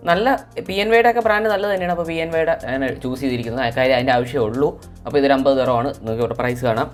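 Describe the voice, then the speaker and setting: A man narrating a tech tutorial in a casual, chatty, informal way. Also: mid-range voice. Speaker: tech vlogger. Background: background music.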